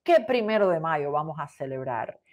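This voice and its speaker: A woman's voice: low-pitched, big pitch swings, normal speed, a little mellow. A woman talk show host, reading a letter aloud in an indignant, dramatic way with emphatic stresses.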